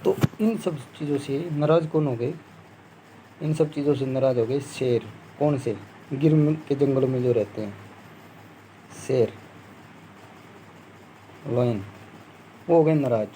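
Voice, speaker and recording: Mellow-voiced young man teaching exam tricks. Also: a little high, a little hiss or hum, rough recording. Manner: explains step by step, asks the class questions and answers them, often says "theek hai"; acts out scoffing crowd voices as jokes. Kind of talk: Hindi exam-prep lesson with memory tricks.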